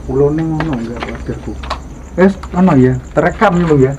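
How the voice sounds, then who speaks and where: A man's voice: a little high, animated, moderate pace. Echoey lo-fi man with Javanese Indonesian accent. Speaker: ghost-hunting vlogger. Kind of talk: casual exploration vlog chat. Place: abandoned old house and well at night. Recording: lo-fi, echoey, noisy with animal and ambient sounds.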